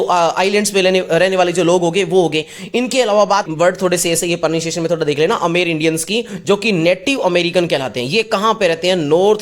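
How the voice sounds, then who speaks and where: A male teacher giving a casual exam-prep lecture, asking and answering his own questions as he goes. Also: high voice. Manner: mixes English terms into Hindi speech.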